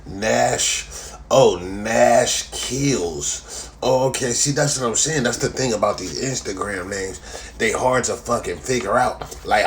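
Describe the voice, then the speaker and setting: A man hosting a live stream reads out chat comments while ranting casually at viewers, with heavy swearing and a slang tag repeated at the close of his lines. His voice is fairly low in pitch with a fairly bright tone, over slight background noise.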